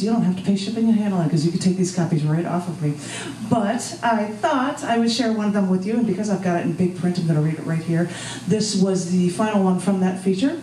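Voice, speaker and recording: A woman from the United States hosts and performs at a live open mic in an indoor bar gallery, reading spoken-word poetry with casual asides. Her voice is fairly low and dark, and the recording is roomy and distant, with background noise.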